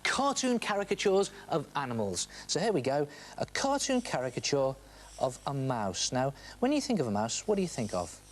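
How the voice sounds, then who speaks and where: A British-accented presenter of a children's art TV show leads a step-by-step drawing demonstration, speaking at normal speed in a fairly high voice with huge pitch swings. He is chatty with the viewer, asking questions and answering them himself with playful emphasis.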